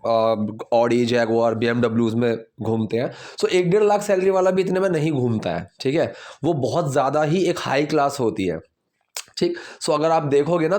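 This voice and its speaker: A man's voice: fairly high pitch, a little mellow. A man with an Indian accent teaching English lessons, explaining grammar in a chatty, conversational way and checking in with his listeners. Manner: conversational, asks listeners questions.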